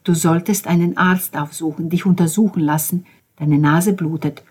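A woman voicing a calm man who gives a friend sober advice, matter-of-fact, in an audiobook. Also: lowish voice, moderate pace, breathy edge.

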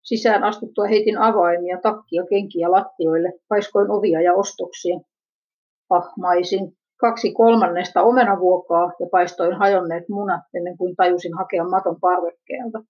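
Woman, husky mid-range voice, reads a searching first-person narrative; muffled low-fidelity sound. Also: fairly even intonation, darkish tone. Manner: introspective, self-questioning. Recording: dull lo-fi recording.

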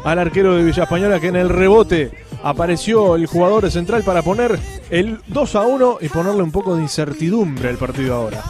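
A man's voice: high-pitched, a little fast, over music. A man with a Uruguayan accent giving emphatic, colloquial football match analysis as a pundit.

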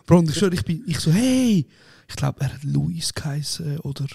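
A Swiss German man with a fairly high but mellow voice tells animated, slangy stories in casual podcast chat. The recording is dry and close. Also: fairly quick, gravelly, breathy edge, no room sound. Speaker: podcast co-host. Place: podcast studio.

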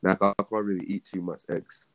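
A man's voice: deep voice, little pitch movement, a little fast, gravelly, a bit bright, dry recording. A man with a London roadman accent chatting casually as a podcast guest, using slangy street talk. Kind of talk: casual chat.

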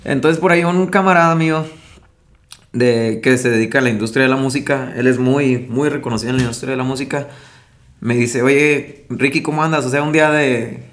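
A young man with a Mexican accent, a musician guest telling his story in a casual interview, slangy and animated, acting out what others told him. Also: medium pitch, a little fast. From Mexico, Michoacán. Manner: slangy, animated, acts out quoted dialogue.

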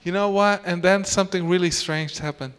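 A man with a high voice preaches a sermon in short bursts, stopping after each phrase so it can be interpreted. He keeps asking rhetorical questions of the congregation. His voice rings out with a long church reverb. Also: steady tone, normal speed, a bit bright, clean tone.

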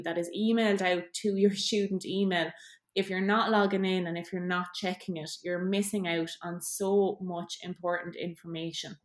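A woman, a guest from student services, earnestly explaining on a podcast. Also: medium pitch. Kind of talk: podcast interview. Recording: echoey room.

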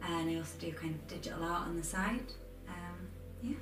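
Casual interview guest: woman, 20s, Durham accent, slightly low voice, roomy distant recording over clear music. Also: a little fast. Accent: Durham, north-east English. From Durham, England. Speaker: interview guest, aspiring film and TV editor.

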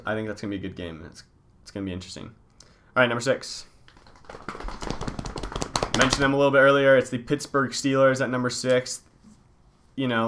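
A man hosts a sports podcast in top ten countdown style. His voice is fairly low and bright, with a forceful edge. He announces each ranking, then chats about it casually. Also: a little hiss or hum. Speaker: podcast host.

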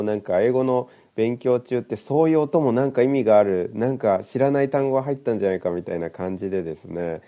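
Deep gravelly-voiced doctor chatting. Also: male voice, dark tone. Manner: thoughtful, hesitant with fillers. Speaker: doctor and podcast co-host. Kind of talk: casual podcast chat.

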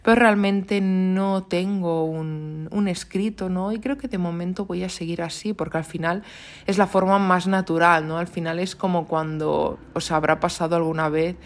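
A young woman from Spain hosting a casual, unscripted podcast, rambling warmly and tagging sentences with little questions. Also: steady tone, moderate pace. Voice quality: low, gravelly voice. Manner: chatty, rambling, frequent "¿no?" tags and giggles. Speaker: podcast host and tech YouTuber.

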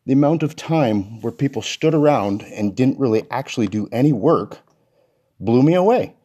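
A man's voice: medium pitch, lively intonation, moderate pace, mellow, slightly rough, muffled recording. A man hosting a solo podcast, talking casually and earnestly, a little out of breath after a workout. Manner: earnest, reflective. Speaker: podcast host.

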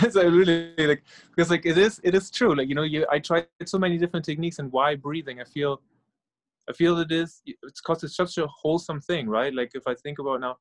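A middle-aged man from Norway and Germany, a guest on an interview, thinking aloud in a relaxed way with many fillers and soft sighs. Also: medium pitch, no echo. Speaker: guest, startup founder and meditation guide. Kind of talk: casual interview conversation.

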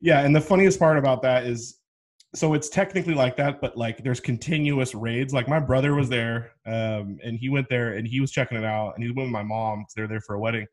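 A man's voice: medium pitch, brisk. A young man hosting a podcast in casual chat, a slangy storyteller with many restarts. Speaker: podcast host.

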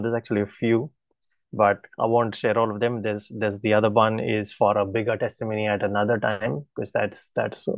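A man preaching, telling a personal testimony in an earnest, halting way with frequent restarts. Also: lowish voice, gravelly, dry recording.

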